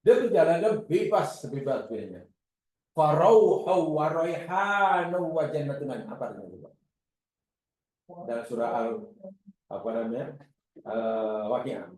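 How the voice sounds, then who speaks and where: A man giving a religious class lecture, animated and acting out his examples. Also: medium pitch. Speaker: religious teacher. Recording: echoey room.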